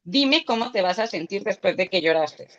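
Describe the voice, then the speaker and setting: A woman's voice: mid-range voice, animated, normal speed, fairly bright tone. A woman, a psychologist, explaining grief in an interview and often checking in with her listener. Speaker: psychologist guest. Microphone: video call. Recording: muffled lo-fi call audio.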